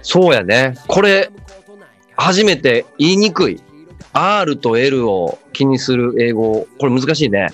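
A man's voice: medium pitch, expressive, takes it slowly, a bit bright, soft background music. Easygoing man. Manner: easygoing, repeats words after the teacher. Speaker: host, learner. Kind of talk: casual pronunciation lesson.

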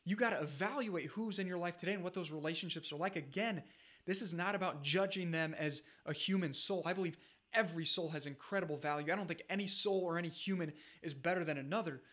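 A man's voice: fairly high pitch, fast talker, a bit bright. A man in his thirties giving an earnest motivational talk, urging listeners directly and repeating his points. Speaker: self-improvement speaker.

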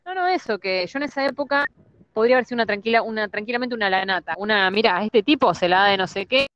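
A woman's voice: a little high, fast. A woman with a Rioplatense accent, chatting casually as a podcast co-host and retelling stories with acted-out quotes and slang. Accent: Rioplatense Spanish. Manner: animated storyteller, acts out quotes, slangy. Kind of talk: casual chat. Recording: dull lo-fi sound.

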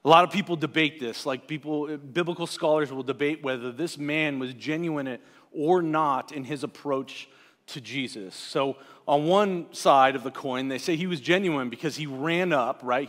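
A man's voice: on the high side, normal speed, a bit bright. A man in his forties preaching a sermon as pastor. He talks in a plain, conversational way with asides to the congregation. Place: church sanctuary. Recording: church hall with long reverb.

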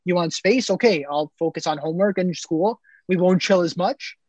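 A man's voice: high voice, moderate pace, a little mellow, rough recording. A man in his twenties co-hosting a podcast, arguing his point emphatically and repeating himself. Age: 20s. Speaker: podcast co-host. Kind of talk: casual chat.

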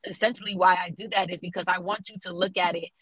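A young woman from South Florida speaks as a guest in a casual interview. Her voice is bright and forward, recorded dry and close. She talks animatedly, full of fillers and restarts. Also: lowish voice, fairly even intonation, fast, husky, no echo, rough recording. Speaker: guest muralist.

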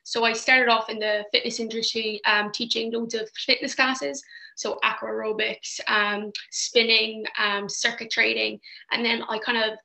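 A young Irish woman chats as an interview guest in a bright, fairly high voice. Her delivery stays even, with a creaky edge, over a roomy, echoey call. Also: normal speed. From Ireland. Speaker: podcast guest, fitness coach. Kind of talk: casual interview answers.

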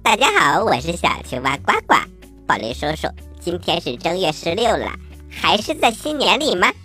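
Croaky, cheerful little cartoon frog. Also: male voice, sits high, sing-song, normal speed, bright, forceful tone, soft background music, full character voice. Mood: eager. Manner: playful, childlike, exaggerated. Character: cheerful eager little talking frog, knowledgeable time-machine guide. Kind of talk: children's audio story acting.

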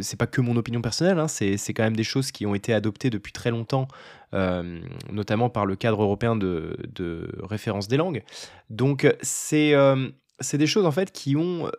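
A young French man giving a casual talk to camera about learning languages, often pausing on fillers and restarting his sentences. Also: mid-range voice, a little mellow, no echo, studio quality. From France. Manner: hesitant, many fillers and restarts.

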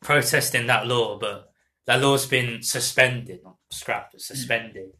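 A man's voice: mid-range voice, takes it slowly, pushed and bright. A man co-hosting a casual podcast chat, explaining loosely with many fillers and trailing off. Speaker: podcast co-host.

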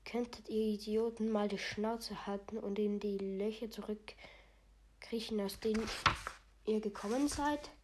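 A woman voicing a fierce, sharp-tongued teenage girl who snaps at a bully with contempt. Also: mid-range voice, steady tone, measured pace, slight background noise, natural voice. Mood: annoyed. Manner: snappish, contemptuous.

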